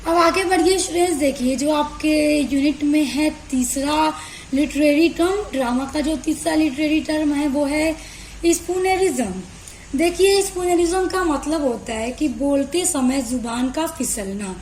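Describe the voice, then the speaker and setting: High-voiced woman teaching in an echoey room. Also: darkish tone. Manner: explains step by step, mixes in read-out English lines slowly. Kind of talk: lecture explaining literary terms. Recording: echoey room with faint noise.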